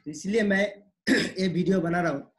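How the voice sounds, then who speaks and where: A man teaching English pronunciation, explaining slowly and repeating words, mixing with English phrases. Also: high-pitched. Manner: slow, repetitive explaining, mixing Hindi and English.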